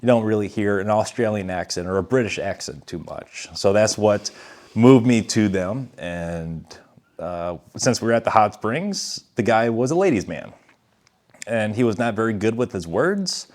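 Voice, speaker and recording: A man with a low voice co-hosts a casual podcast chat. He wanders through a long story, beating around the bush, chuckling as he goes and swearing now and then. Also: expressive, moderate pace, darkish tone. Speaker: podcast co-host.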